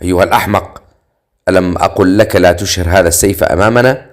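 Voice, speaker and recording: A man voicing a sharp-tongued, suspicious young immortal woman in an audiobook. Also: low-pitched, fast, lightly acted. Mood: wary.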